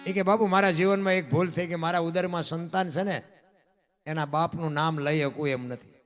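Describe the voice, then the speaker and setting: A man's voice: on the high side, normal speed, soft background music. A man telling a devotional folk story, swinging his voice up and down from line to line. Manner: animated, rises and falls sharply between lines. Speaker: dayro storyteller.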